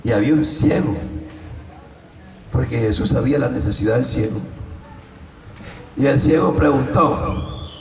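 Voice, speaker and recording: A man preaching a sermon with fervor, swinging from loud shouted bursts to slow, low passages. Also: slight background noise. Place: church hall. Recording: roomy distant church sound with congregation.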